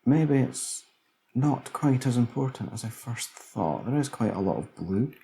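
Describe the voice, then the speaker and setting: A man's voice: medium pitch, lively intonation, a little slow, vocal fry, mellow. A man casually commentating a city-building game, musing aloud as he builds, tired late at night. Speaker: let's play commentator.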